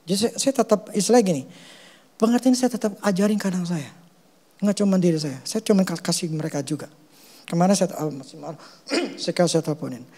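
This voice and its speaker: A middle-aged man with an Indonesian accent, a pastor preaching a sermon, telling stories with loud and hushed stretches. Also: high-pitched, fairly quick. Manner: animated storytelling, swings from loud to hushed.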